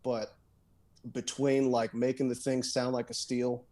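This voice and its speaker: A man's voice: mid-range voice, flat delivery, measured pace, dark tone. A man guesting on a podcast, talking in a loose, rambling way with lots of fillers, restarts and "dude". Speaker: guest guitarist and songwriter. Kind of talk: casual podcast conversation.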